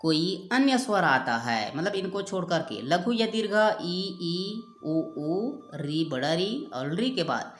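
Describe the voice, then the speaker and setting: A woman teaching grammar at a slow, unhurried pace, patiently repeating each sound and example. Her voice sits a little low and rings in an echoey room, with faint music underneath. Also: very animated. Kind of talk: explaining step by step with a whiteboard.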